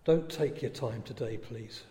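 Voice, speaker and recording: A man reading the lines of a brisk, stern middle-aged mother, heard with long reverb. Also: medium pitch, mellow, natural voice. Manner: brisk, commanding.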